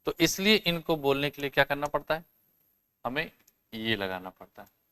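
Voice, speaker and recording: A man teaching a class, explaining step by step, asking questions and answering them himself, and sounding out words slowly and carefully. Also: on the high side, lively intonation, bright, forceful tone, clean tone. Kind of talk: classroom lesson.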